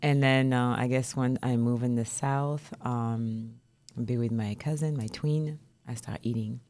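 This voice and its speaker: A woman in her thirties from France, a guest chatting softly and hesitantly with frequent little laughs. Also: very deep voice, fairly even intonation, measured pace, no echo. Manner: soft-spoken, laughs often, hesitant fillers. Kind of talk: casual interview chat.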